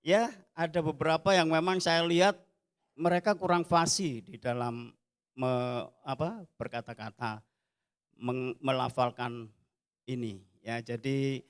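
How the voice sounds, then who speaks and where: A man introducing his mission school choir at an online church service, explaining in a relaxed way with small fillers. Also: medium pitch, unhurried, long pauses, clean tone.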